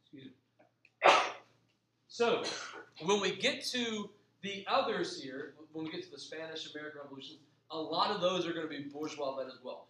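A man's voice: a little high, moderate pace. A man teaching history in an informal, conversational classroom lecture style, stressing points by repeating them. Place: echoey room. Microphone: distant microphone. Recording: very echoey, distant mic, faint noise.

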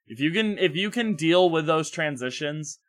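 A man with a bright, forceful tone, talking about metal bands in a relaxed, wry way as a podcast co-host. He leans on "um" and "like" as he thinks aloud. The recording is dry and close. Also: a little high, moderate pace, no echo. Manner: relaxed, wry, filler-heavy. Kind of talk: casual music review chat.

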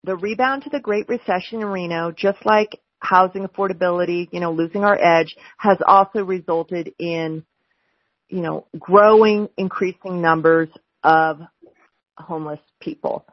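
Woman, American accent, husky voice, halting campaign town hall talk, dry muffled telephone sound. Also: fairly low pitch. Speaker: city council member running for mayor, hosting a town hall. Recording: dull, lo-fi telephone line.

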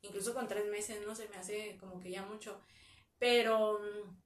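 A woman with a Mexican accent, a psychologist guest, calmly explaining things in a casual chat. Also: mid-range voice, moderate pace. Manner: calm, explanatory. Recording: echoey room, somewhat far from mic, faint noise.

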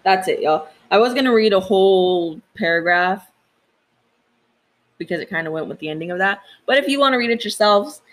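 A woman's voice: mid-range voice, expressive, brisk, rough recording. A young woman co-hosting a casual podcast, chatty and self-deprecating, swearing freely. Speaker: podcast co-host.

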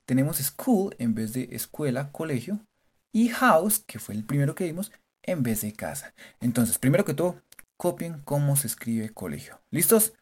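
A man hosts a playful language lesson, slowly and patiently spelling words out letter by letter. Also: mid-range voice, expressive, mellow, slightly rough. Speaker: English teacher and show host.

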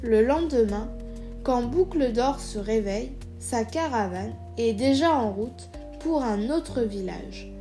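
A woman reading a children's storybook aloud in a clear, expressive way. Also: a little high, slow, soft background music.

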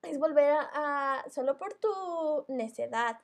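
A woman's voice: high-pitched, animated, takes it slowly, a little mellow. A young woman with a Mexican Spanish accent chatting casually on a podcast, blunt and full of slang and swearing. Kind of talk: casual chat.

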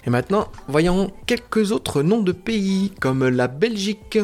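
A man teaching a recorded language lesson, patiently explaining and breaking sounds down slowly. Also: high voice, lively intonation, loud music behind the voice.

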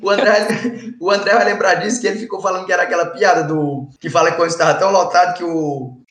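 Quick high-voiced man, roomy sound. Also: steady tone, a bit bright. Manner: quick, rambling, friendly. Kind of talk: casual chat. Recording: roomy echo.

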